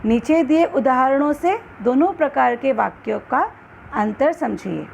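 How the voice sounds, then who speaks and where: A woman reading a scripted grammar lesson, slowly and carefully, stressing each example word. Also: high voice, animated, creaky, darkish tone, a little hiss or hum. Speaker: teacher.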